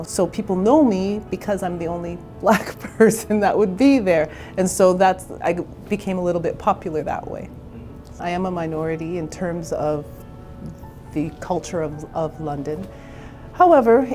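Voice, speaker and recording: A Canadian woman in her forties, a therapist and entrepreneur, speaks in a lowish, dark-toned voice. She tells her own story in a candid, chatty personal interview.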